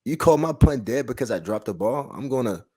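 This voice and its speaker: A man's voice: medium pitch, expressive, brisk, mellow, slight background noise. A man co-hosting a sports podcast, chatting casually in a blunt, slangy way. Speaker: podcast co-host. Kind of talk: casual sports commentary chat.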